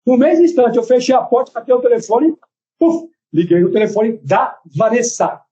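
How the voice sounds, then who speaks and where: A defendant with a Brazilian Portuguese accent gives his courtroom testimony in a very high voice at a moderate pace. He recounts events with animation, performing the dialogue, and the recording has its high frequencies cut off.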